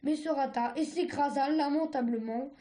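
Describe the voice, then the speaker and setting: High-voiced woman reading a story haltingly. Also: dark tone. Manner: halting, stumbling reading with restarts. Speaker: reader.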